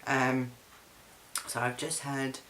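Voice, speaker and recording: Chatty and halting, a young Englishman fills his casual at-home video diary with ums and restarted sentences. He's a vlogger speaking from indoors in his flat, his mid-pitched voice fairly monotone over a faint hiss.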